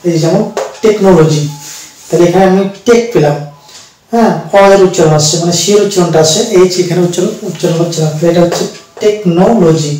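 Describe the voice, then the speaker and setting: A Bengali-speaking man teaching English pronunciation to students, explaining slowly with repeated words and fillers. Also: high-pitched, a little mellow, far from the mic. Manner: slow, repetitive explaining with fillers. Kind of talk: spoken pronunciation lesson. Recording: very echoey room, voice from the mic.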